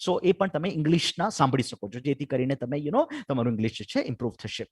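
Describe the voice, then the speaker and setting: A man's voice: medium pitch, animated, fast talker, a little mellow, husky, no room sound, studio quality. A man with a Gujarati accent giving a webinar lecture on improving English, mixing Gujarati and English and asking "right?" after almost every point. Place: home or office for an online webinar.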